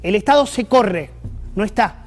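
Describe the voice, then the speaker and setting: A man's voice: sits high, animated, normal speed, soft background music. A man with an Argentine accent delivering emphatic, sarcastic political opinion commentary as host. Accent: Argentine Rioplatense Spanish.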